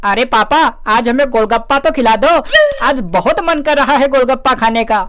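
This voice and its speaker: Excitable cartoon boy; high pitch. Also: moderate pace. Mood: eager. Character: eager young cartoon boy.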